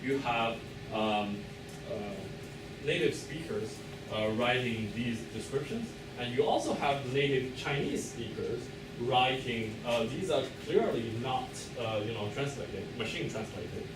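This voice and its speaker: A PhD candidate with a medium-pitched voice and lively intonation presents his thesis defense from a loosely scripted academic talk. He sounds hesitant, hedging and halting, filling pauses often, while a distant mic in an echoey room picks up clear background noise.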